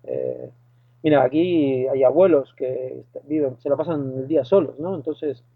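In an unhurried but very animated way, an Argentine guest with an Argentine Spanish accent talks hesitantly in a phone interview, full of fillers and restarts; he works as a lifeguard and boat skipper. His medium-pitched voice is creaky with a breathy edge, heard over a tinny line with no room sound.

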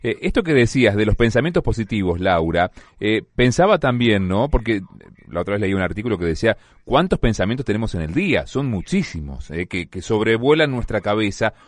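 A man's voice: lowish voice, very animated, a little fast, dry recording, clean studio sound. A man hosting a radio talk show, hesitant and full of fillers as he reads listener messages. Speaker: radio host.

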